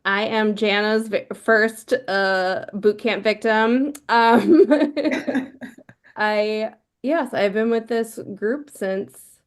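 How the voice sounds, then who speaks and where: A woman's voice: mid-range voice, steady tone, very slow, smooth. A woman in a writing group, bubbly and enthusiastic with frequent laughs, on a video call. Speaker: group member. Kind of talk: casual video call chat.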